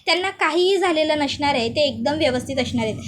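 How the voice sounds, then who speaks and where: A woman's voice: high voice, lively intonation, fast, a little hiss or hum. A woman doing a coaxing young husband. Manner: pleading, coaxing.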